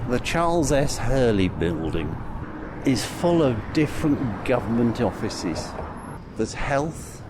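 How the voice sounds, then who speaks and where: British male travel diarist, slow measured observations, mid-pitched, noisy outdoor city recording. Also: very animated. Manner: measured, observational, pausing between phrases. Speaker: narrator of an audio travel journal. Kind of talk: unscripted on-location commentary. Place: outdoors on city streets and at a station. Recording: outdoor city noise, traffic.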